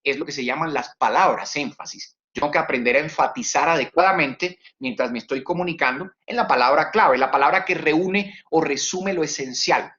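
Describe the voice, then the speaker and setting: With dull audio, a man who trains people in communication delivers a webinar lecture briskly and with hardly any pauses. He is animated, swinging his pitch high and low to demonstrate tone and repeating words for emphasis.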